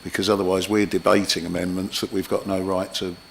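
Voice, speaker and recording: A councillor, a man with a husky voice, argues a procedural point in a council meeting, often repeating words as he goes. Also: sits low, level tone, fairly quick, slight background noise. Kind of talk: committee debate.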